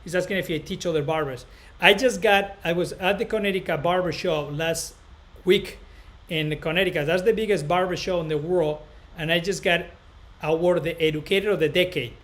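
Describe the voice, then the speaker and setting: Hosting a relaxed live stream, a Spanish-accented barber educator from northern Spain chats with his audience in a meandering, stop-start way and keeps repeating himself. He speaks with a fairly high, somewhat bright voice.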